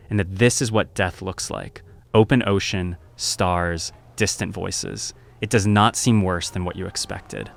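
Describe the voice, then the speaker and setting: Low, grave male storyteller. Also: gravelly, no echo. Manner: measured, grave, deliberate. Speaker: narrator. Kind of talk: second-person scripted story narration.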